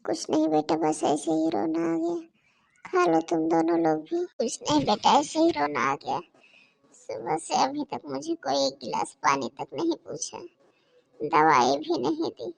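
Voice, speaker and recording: A woman's voice: high-pitched, measured pace, vocal fry, heavily acted. A woman doing a tired, sick young mother. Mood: weary. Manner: soft, tired, resigned. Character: sick, weary young mother, daughter-in-law. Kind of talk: Hindi cartoon moral story voice acting.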